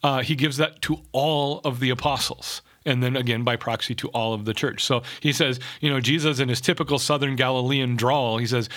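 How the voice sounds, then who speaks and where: A man's voice: mid-range voice, fairly even intonation, brisk, hardly any pauses, fairly bright tone. A man co-hosting a casual podcast, explaining scripture with quoted verses and self-mocking humor. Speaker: podcast co-host. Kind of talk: casual theological discussion.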